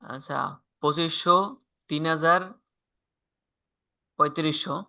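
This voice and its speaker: A man's voice: fairly high pitch, flat delivery, unhurried, sharp tone, clean tone. A man tutoring a student through a finance problem, step by step, quizzing him with questions. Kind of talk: step-by-step accounting lesson. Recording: dull lo-fi recording.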